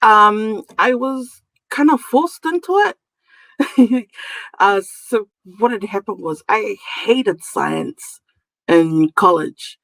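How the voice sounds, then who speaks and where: Speaking slowly and expressively, this middle-aged community nurse with a Samoan New Zealand accent chats as a podcast guest, giggling through her informal storytelling. Her mid-range voice is gravelly with a slightly bright edge, and there's no echo.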